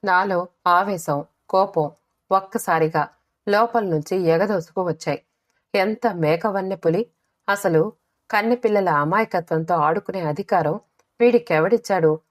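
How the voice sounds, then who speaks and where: A woman narrates a dramatic first-person story for an audiobook. Her delivery is measured and expressive, and her voice sits somewhat low for a woman.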